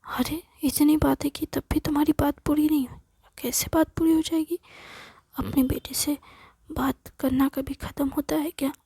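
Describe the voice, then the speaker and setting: A woman voicing a calm middle-aged father who soothes his wife, in a whispered role-play. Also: sits high, moderate pace, no room sound, clean studio sound. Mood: placating.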